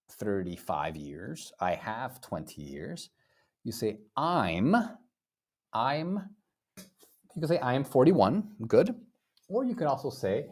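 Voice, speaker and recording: A man's voice: on the low side, a little mellow. A man in his thirties teaching a live online English lesson. He keeps praising his students and drills phrases by repeating them. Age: 30s. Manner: encouraging, praises students often.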